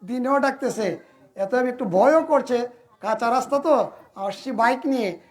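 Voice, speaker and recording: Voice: medium pitch, normal speed, a little mellow. A Gita preacher gives a devotional sermon to a village gathering. The speaker is humble and apologetic toward the listeners and keeps asking the crowd rhetorical questions.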